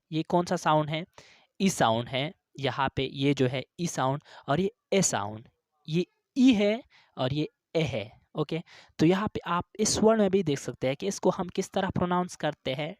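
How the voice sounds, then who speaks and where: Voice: medium pitch, no room sound, studio quality. An English teacher explaining phonetic symbols, who ends nearly every phrase with "okay", draws out hesitant fillers, and repeats each sound and example word several times.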